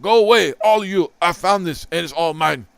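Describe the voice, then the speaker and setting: A man putting on the voice of a greedy, rough frontier gold-seeker, reading comic dialogue in a loud, snarling tone. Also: high-pitched, a little fast, dry recording, pitched above the performer's own voice. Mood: hostile.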